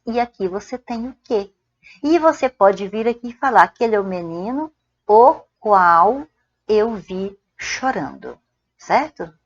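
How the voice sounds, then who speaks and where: A Brazilian woman gives a spoken Portuguese grammar lesson, slowly dictating example sentences word by word and frequently saying "ó" and checking in with "certo?". Her voice is fairly high, and the recording sounds muffled.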